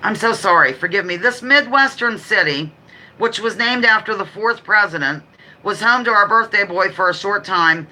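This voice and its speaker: A woman with a very bright, sharp voice hosts a relaxed live quiz stream. She talks quickly and chattily, drifting into apologetic asides between the questions she reads aloud. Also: medium pitch, low-quality recording. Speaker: livestream host running a trivia quiz. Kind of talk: casual live chat with read-out quiz questions.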